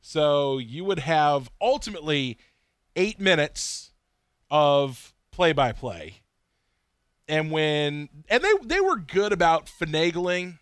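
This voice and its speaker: A man co-hosting a casual racing podcast, an animated storyteller who acts out quotes. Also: on the high side, takes it slowly, smooth, no room sound. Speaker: podcast co-host. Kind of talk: casual chat.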